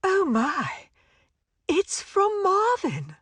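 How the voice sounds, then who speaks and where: A woman playing a genteel, sentimental older book lover in a game story, gentle and polite in manner. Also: a little high, big pitch swings, takes it slowly, no room sound, heavily acted. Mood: surprised, shaky. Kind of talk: scripted game story dialogue.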